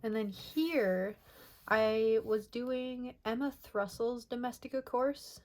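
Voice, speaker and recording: A young woman casually narrating over her sketchbook pages, soft and rambling with many pauses and filler words. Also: on the high side. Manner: soft, rambling, many ums and self-corrections. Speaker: artist showing her sketchbook.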